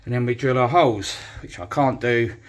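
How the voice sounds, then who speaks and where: A man's voice: mid-range voice, moderate pace. Plain-spoken tradesman explaining a job. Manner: plain-spoken, talks while working, swears now and then. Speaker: joiner showing a build. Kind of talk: casual how-to narration. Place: indoors on a job site with stairs. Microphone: handheld phone.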